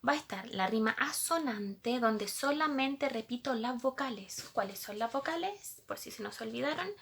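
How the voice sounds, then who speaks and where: A woman's voice: on the high side, expressive, normal speed, vocal fry, a bit bright, breathy edge. Patient woman teaching young children. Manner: patient, explains step by step with questions to pupils. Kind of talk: children's lesson explanation.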